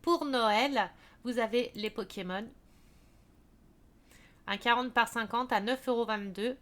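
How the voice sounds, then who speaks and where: Chatty French-speaking woman, slightly high voice. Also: slow, a bit bright. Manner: chatty, many fillers and restarts. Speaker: craft video creator. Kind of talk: casual product walkthrough.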